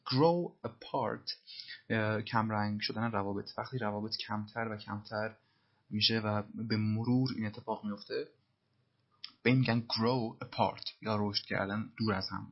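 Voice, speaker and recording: A man teaching English, repeating film lines slowly and then explaining them in Persian. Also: lowish voice, little pitch movement, slightly rough, lo-fi sound.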